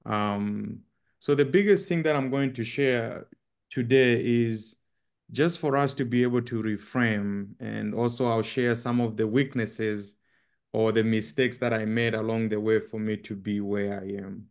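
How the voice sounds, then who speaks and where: A man's voice: fairly low pitch, fairly even intonation, measured pace. A middle-aged man from Zambia giving a webinar talk on a video call, earnest, with frequent ums and repeated words. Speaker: guest speaker. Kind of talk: webinar presentation. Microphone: webcam on a video call.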